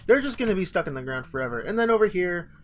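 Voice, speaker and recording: A man's voice: high voice, sing-song, racing, slight background noise. A young man talking through a survival game in casual, rambling commentary, his voice a bit stuffy from just waking up, full of ums and little laughs. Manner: rambling, filler-heavy, chuckling. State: morning voice, stuffy sinuses. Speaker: gaming channel host.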